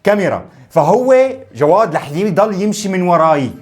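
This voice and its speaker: A quick, chatty man runs his prank vlog. His voice sits a little high for a man, and he talks in bossy, teasing older-brother banter. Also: lively intonation, darkish tone. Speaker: vlog host setting up a prank. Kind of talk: casual prank vlog chat.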